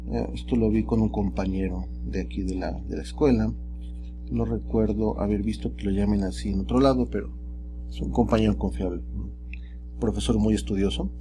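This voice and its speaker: Chatty low-voiced male math teacher. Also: fairly even intonation, normal speed, noisy background. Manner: chatty, asks rhetorical questions with "¿no?". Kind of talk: recorded screen lesson.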